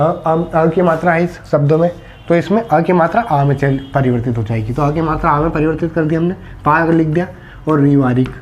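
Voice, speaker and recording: A man's voice: a little high, a little mellow, a little hiss or hum. A man teaching a Hindi spelling lesson for exam students, explaining step by step and answering his own questions.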